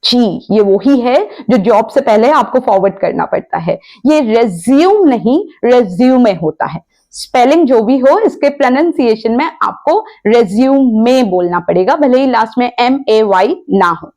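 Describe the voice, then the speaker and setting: A woman's voice: on the high side, lively intonation, a little slow, few pauses, a little mellow. A woman teaching pronunciation in a patient lesson, spelling words out letter by letter and repeating each correction. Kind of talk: explanatory lesson.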